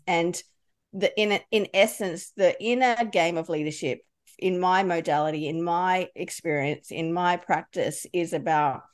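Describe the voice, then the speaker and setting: Candid middle-aged woman coach, lowish voice. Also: darkish tone. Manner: candid, storytelling, frequent restarts. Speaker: leadership coach. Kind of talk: podcast interview answer.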